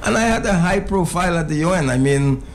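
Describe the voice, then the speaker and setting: A man's voice: high voice, lively intonation, fast talker, slight background noise, rough recording. A middle-aged man, talking earnestly as a radio show guest and often restarting his phrases. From Dominica. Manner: earnest, repeats words when restarting, rising emphasis. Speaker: radio talk show guest, former UN ambassador. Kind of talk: casual radio interview. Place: radio studio.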